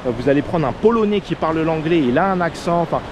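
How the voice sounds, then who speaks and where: Fast and expressive, a slightly high-voiced Frenchman under 40 vlogs casual advice in his French accent. An expat coach, he comes across as earnest and uses lots of fillers. Outdoor noise of waves and traffic is audible.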